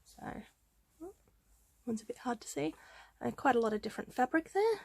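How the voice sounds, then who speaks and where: A craft vlogger with a slight head-cold congestion casually shows off her craft supplies in a show-and-tell vlog. Her fairly high voice is very animated and creaky, and she's chatty and unhurried, full of ums and uhs. A little hiss or hum sits in the recording.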